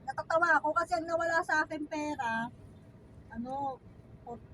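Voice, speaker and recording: A Filipina woman telling a story in casual chat, animated and quoting people. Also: sits high, normal speed. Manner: animated storytelling with acted quotes. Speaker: storyteller recounting a theft. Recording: distant mic with loud road noise.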